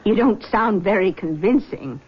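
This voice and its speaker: On a dull vintage radio recording from a 1970s drama, an actress plays a middle-aged mother who dotes on her child yet meddles and disapproves. Her delivery is coaxing and pointed. Her medium-pitched, slightly rough voice has lively intonation and a somewhat slow pace.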